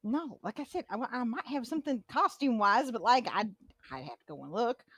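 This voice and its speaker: A woman playing a tabletop role-playing game, chatting casually and improvising in a halting, amused way. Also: on the high side, expressive, fairly bright tone, no echo.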